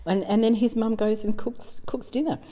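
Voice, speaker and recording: Mellow-voiced Australian woman. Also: on the high side, fairly even intonation, moderate pace. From South Australia. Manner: warm storytelling, chatty with fillers. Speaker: psychic medium. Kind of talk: informal spiritual talk. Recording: long reverb.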